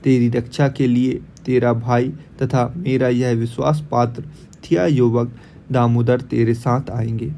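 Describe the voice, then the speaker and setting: A man's voice: mid-range voice, little pitch movement, unhurried, creaky, warm tone. A man voicing an older Brahmin father who urges and scolds, in an audiobook read-aloud, with faint noise behind. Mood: urgent.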